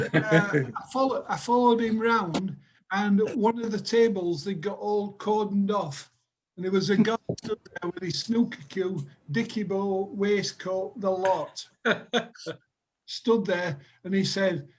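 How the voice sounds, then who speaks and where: A high-pitched older man with a Sheffield accent spins a chatty anecdote over a video call. He laughs at his own jokes as he goes, casual and easy. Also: measured pace, a little hiss or hum, low-quality recording. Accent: Sheffield English. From England. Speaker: group member telling a story.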